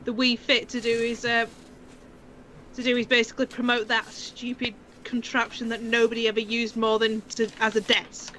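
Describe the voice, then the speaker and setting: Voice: medium pitch, monotone, normal speed, sharp tone, slight background noise. A podcast co-host in casual chat, asking meandering, offhand questions.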